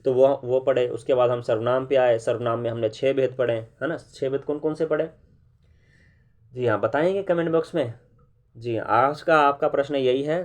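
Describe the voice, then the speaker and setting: A male grammar teacher talks through an online lesson at an easy, unhurried pace. He repeats each new term, asks the viewers questions and keeps checking that they are with him. His pitch sits right in the middle for a man. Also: darkish tone. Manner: explains slowly, with frequent "है ना" and "ठीक है" check-ins; repeats key terms for emphasis and puts questions to viewers. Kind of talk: classroom-style online lesson.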